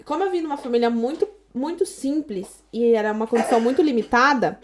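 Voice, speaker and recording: On a podcast, a Brazilian woman in her thirties recounts her story in a relaxed, lively manner, voicing the dialogue she quotes. She talks quickly in a somewhat high voice with a Brazilian Portuguese accent.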